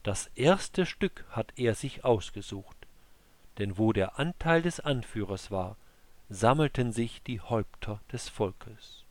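A man reading scripture aloud in a measured, solemn recitation, like an audiobook narrator. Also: lowish voice, expressive, no room sound.

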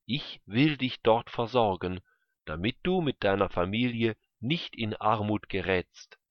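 Joseph, a forgiving and powerful brother from a Bible story, read by a man. Slow and earnest, in a lowish voice, dry and a bit muffled. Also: dry recording, natural voice. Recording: dull lo-fi recording.

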